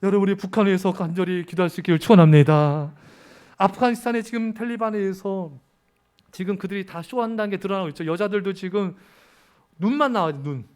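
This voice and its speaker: High-voiced fervent male preacher. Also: a little mellow. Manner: fervent preaching, repeated appeals to the congregation, slows and swells on key phrases. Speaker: pastor. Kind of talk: sermon.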